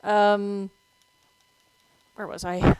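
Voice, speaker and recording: A woman's voice: mid-range voice, level tone, extremely slow, darkish tone, smooth, no room sound, poor audio. A woman streaming a game who explains veterinary matters in a blunt, casual way, swearing freely and breaking off to react to the game. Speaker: streamer with veterinary work experience.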